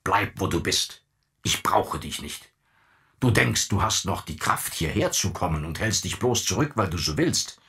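Man voicing a tyrannical old father, scornful, deep voice, storybook reading. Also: lively intonation, a little slow, gravelly, exaggerated voice. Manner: contemptuous, bursts into shouting rants.

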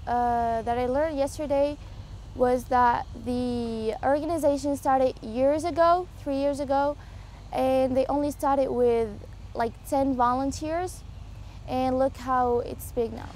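A woman's voice: high-pitched, a little mellow, slight background noise. A teenage girl from Algeria, interviewed outdoors under a pergola, speaking eagerly with fillers. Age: teens. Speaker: student interviewee.

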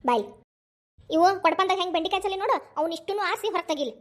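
A strict young cartoon mother, played by a woman with a North Karnataka Kannada accent. She scolds briskly in a very high voice, words tumbling out fast. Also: lively intonation. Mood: scolding. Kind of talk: cartoon voice acting.

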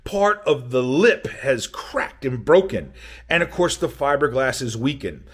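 A man's voice: mid-range voice, big pitch swings, measured pace, breathy edge. An older man narrating a boat repair how-to in a plainspoken, matter-of-fact way in an indoor workshop, filming himself up close. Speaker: boat restoration vlogger.

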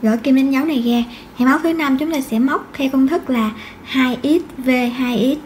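A woman's voice: sits high, normal speed, darkish tone, slight background noise. A woman giving patient step-by-step crochet instruction, counting stitches aloud. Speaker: crochet tutorial host.

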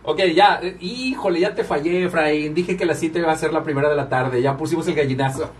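A man's voice: on the high side, brisk, distant mic. Chatty man hosting off-mic. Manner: chatty, talks to viewers while working the controls. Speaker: radio and livestream host. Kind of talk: casual live-stream chat.

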